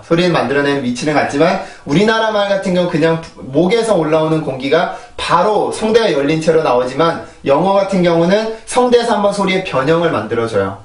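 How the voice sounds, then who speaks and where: Echoey teacher drilling pronunciation. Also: male voice, fairly high pitch. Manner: repeats sounds in drills, asks "그죠?" for agreement. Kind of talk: explanatory lecture with drills. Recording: echoey room, voice a bit distant from mic.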